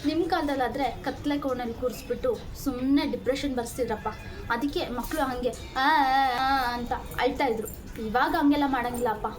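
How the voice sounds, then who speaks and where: A woman's voice: high voice, fairly quick, music in the background. A young woman playing a new mother in a comedy sketch, talking casually and complaining in a pleading way.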